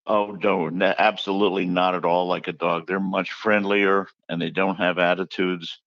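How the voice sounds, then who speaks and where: A man with a very low voice tells his stories in a chatty, anecdotal way and acts out the quotes as he goes. The sound is dull and muffled, close and dry. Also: little pitch movement, moderate pace, a bit bright, no room sound. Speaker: author interviewed about his book. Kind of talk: casual interview storytelling.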